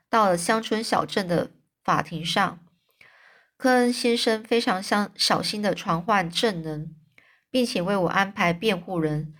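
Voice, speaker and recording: A woman's voice: mid-range voice, a bit bright. A woman reading a novel aloud as a storyteller, stopping often to explain difficult words in plain terms.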